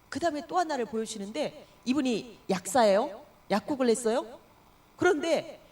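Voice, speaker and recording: Woman pastor, sermon, high voice, very lively pitch, rhetorical questions, hushed asides. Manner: animated storytelling, dropping to hushed asides; asks the congregation rhetorical questions.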